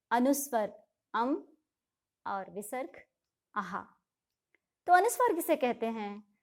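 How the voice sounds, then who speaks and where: A woman teacher gives a grammar lesson to children in an unhurried, measured way. Her voice sits a little high, and she poses questions to the class, then answers them herself. She stretches out each example word so the children can follow.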